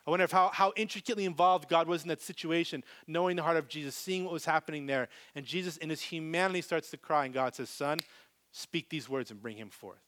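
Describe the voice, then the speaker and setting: A pastor preaching a live sermon with a higher-than-usual voice. He is animated, pushing some lines out loud and dropping others to a hush. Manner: animated, swings from loud to very soft.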